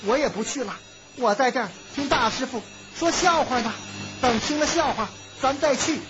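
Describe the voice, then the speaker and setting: A woman's voice: sits high, moderate pace, natural voice. A woman storyteller voicing a young concubine speaking mildly and easily. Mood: relaxed. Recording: dull lo-fi recording with music.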